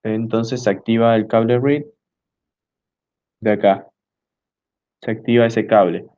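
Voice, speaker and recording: A young man giving a hesitant student class presentation, filling pauses with "eh" while pointing things out on a diagram. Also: on the low side, fairly even intonation. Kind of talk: class presentation explaining computer hardware. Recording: dull lo-fi recording.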